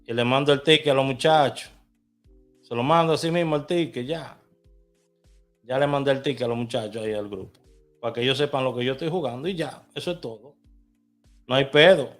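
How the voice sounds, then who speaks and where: A man's voice: medium pitch, brisk, faint music behind. Chatty man walking through his bets. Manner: chatty, talks to viewers while placing lottery bets. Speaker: vlogger. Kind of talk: casual screen walkthrough.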